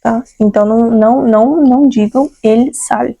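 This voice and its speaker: A woman's voice: fairly high pitch, vocal fry, warm tone, no room sound. A woman with a Brazilian Portuguese accent teaching a Spanish lesson, patiently repeating words and checking in with her students. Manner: patient, repeats words slowly, tags phrases with "né?" and "tá?". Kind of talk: online language lesson.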